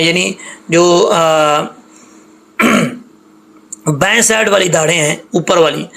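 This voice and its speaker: A man with a high, gravelly voice leads an unhurried recitation lesson. He breaks words into single letters and stretches each sound out. He patiently corrects common mistakes. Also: a bit bright. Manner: spells out letters and drags out sounds in slow demonstration. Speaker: Quran recitation teacher.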